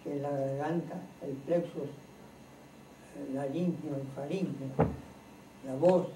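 A man leads a relaxed spiritual teaching for a small group gathered in a home, speaking very slowly and earnestly. His voice is mellow and sits a bit high for a man. The recording is distant and roomy, with faint background noise. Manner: slow, earnest, preacherly with lists and repetitions. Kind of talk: informal teaching talk to a group. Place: room in a private home.

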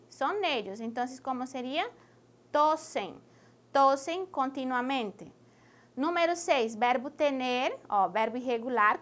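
High-pitched woman teacher, brazilian portuguese accent, patient explainer, keeps asking "sí?". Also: fairly bright tone. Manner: slow, explanatory, checks understanding with a rising "¿sí?". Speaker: Spanish teacher. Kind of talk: classroom lesson.

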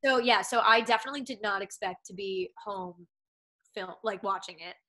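Her mid-range voice is pushed and bright, moving at a moderate pace. This young Massachusetts woman, an actress with a Boston accent, chats from home in an interview, rambling and sprinkling in many "like"s and "um"s.

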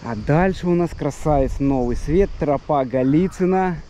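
A man's voice: a little high, normal speed, warm tone. Chatty male vlogger over street noise. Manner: chatty, pointing things out to viewers. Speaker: travel vlogger. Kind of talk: casual vlog narration. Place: outdoors on streets and roadsides. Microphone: handheld action camera at arm's length. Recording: clear outdoor traffic and ambient noise.

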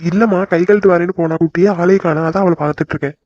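A voice actor playing a gentle young son back home in a cartoon, reassuring his mother and sister. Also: mid-range voice, very fast, no echo, muffled recording, close to an everyday voice. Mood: warm. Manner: soothing, reassuring. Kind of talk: cartoon voice acting.

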